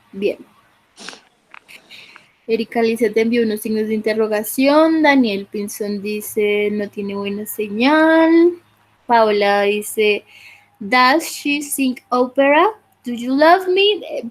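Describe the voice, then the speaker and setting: A woman's voice: on the high side, low-quality recording. A woman teaching an English class online, reading out student answers and patiently explaining corrections, often checking in with "¿listo?".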